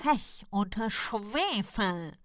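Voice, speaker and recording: Lady doing a grumpy old wizard guy, really slow drawn out words, dry sound. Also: big pitch swings, a bit bright, dry recording, heavily acted. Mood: angry. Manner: drawn-out, theatrical, shifting pitch. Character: pompous grumpy old male sorcerer.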